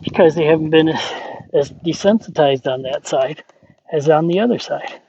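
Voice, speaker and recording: A man working as a horse trainer, calmly explaining a training session and talking softly to the horse in between. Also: a little high, normal speed, gravelly. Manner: calm, explanatory, talks to the horse between points. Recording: dull, lo-fi with faint noise.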